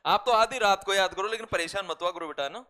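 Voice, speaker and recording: High, bright-voiced chatty math teacher. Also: male voice, fast talker. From Rajasthan, India. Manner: chatty, addresses students as beta, jokes and asides. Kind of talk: classroom lecture.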